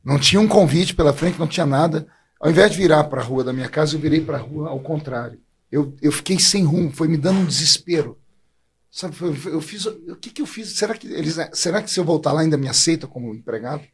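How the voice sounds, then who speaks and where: With a fairly high pitch and quick delivery, this man from Brazil tells his personal faith journey expressively. He's a preacher, and his husky, gravelly voice catches as emotion rises.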